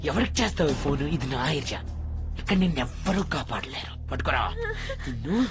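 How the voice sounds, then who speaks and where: A man acting as a menacing film thug, speaking low and slow with calm threat. His pitch sways widely, and loud music swells under the film soundtrack. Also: close to an everyday voice. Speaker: villain.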